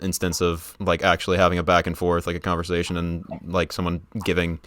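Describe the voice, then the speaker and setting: Deep, smooth-voiced young male podcaster. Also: fairly quick. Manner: relaxed, rambling with many "like"s. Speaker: podcast co-host. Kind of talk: casual chat.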